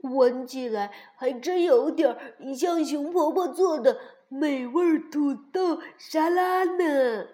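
A woman voicing a clumsy, eager young male frog in a storybook, with loud, excitable exclamations. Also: high voice, takes it slowly, few pauses. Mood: excited.

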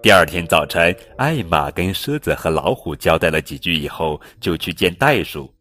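Guy reading a kids picture book, deep slow voice that swoops around a lot, soft music behind. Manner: slow, lively storytelling. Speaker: storyteller. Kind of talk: picture-book read-aloud. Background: light background music.

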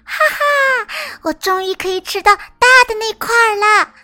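A woman telling a children's story as a small timid mouse, in a sweet, expressive, sing-song manner. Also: extremely high pitch, normal speed, faint music behind.

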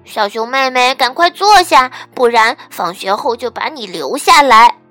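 A woman's voice: a little high, lively intonation, a little slow, bright, forceful tone, dry recording, soft background music. Woman doing a bossy, bragging girl playmate. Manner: commanding, schoolteacher tone. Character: bossy young girl playmate who likes to brag.

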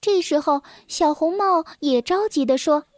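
A woman hosting and narrating a children's storybook in a gentle, expressive way. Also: high voice, unhurried, no room sound, clean studio sound. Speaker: storyteller host.

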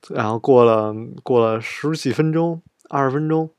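Man, casual travel monologue, gravelly fry in the voice, dry close sound, chatty, quotes himself. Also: medium pitch, normal speed, darkish tone, dry recording. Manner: chatty, retells scenes with quoted dialogue. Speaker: travel vlogger.

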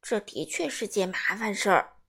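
A woman voicing a kind, wise old grandmother in a storybook reading, with a lower, gentle and patient voice. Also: normal speed, husky.

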